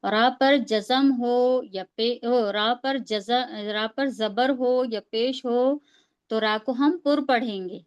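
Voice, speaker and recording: Patient woman teacher, smooth voice. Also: fairly high pitch, poor audio. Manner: patient, explains step by step and often checks understanding. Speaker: Quran recitation teacher. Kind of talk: online reading lesson. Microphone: video call.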